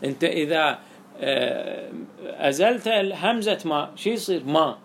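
A man's voice: fairly high pitch, expressive, a little slow, vocal fry, fairly bright tone, a little hiss or hum. A man teaching a classroom lesson on Quranic readings, explaining step by step and quizzing his students with questions.

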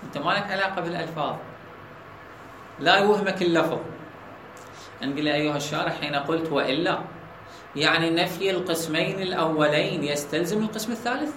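A man with an Iraqi Arabic accent teaching a logic lesson, often asking his students whether the point is clear. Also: on the high side, quick pace, long pauses, fairly bright tone, slight background noise. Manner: asks students checking questions. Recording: echoey room with faint ambience.

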